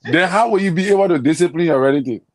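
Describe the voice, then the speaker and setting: A man's voice: a little high, lively intonation, quick pace, dry recording. A man giving frank, critical political analysis in a conversational way. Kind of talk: panel discussion.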